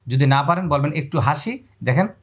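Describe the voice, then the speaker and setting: This is a man, teaching Quran pronunciation at a steady pace. He breaks each letter down carefully, asks his own questions and answers them. Then he sings out the sounds in long held calls for his students to copy. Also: on the high side, fairly quick, husky. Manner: repeats prompts to the viewer, asking and answering his own questions. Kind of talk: step-by-step pronunciation lesson.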